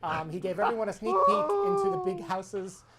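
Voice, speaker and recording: A woman's voice: mid-range voice, very animated, fairly quick. A woman hosting a comedic cocktail show, chatty and explaining each step. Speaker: host.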